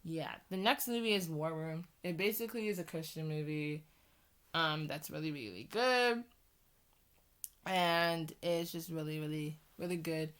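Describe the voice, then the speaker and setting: A woman's voice: low-pitched, fairly bright tone. A woman vlogger casually recommending movies, rambling and hurrying with many restarts. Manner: hurried talking.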